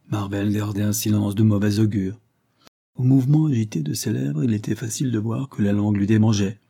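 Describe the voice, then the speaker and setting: A man narrating a novel in a measured, even storytelling manner. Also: on the low side, creaky, slightly rough. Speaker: audiobook narrator.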